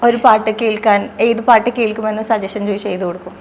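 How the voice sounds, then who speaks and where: A woman's voice: medium pitch, level tone, fast talker, darkish tone, slight background noise. A woman hosting an interview, asking chatty, upbeat questions in a casual conversation. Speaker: interview host.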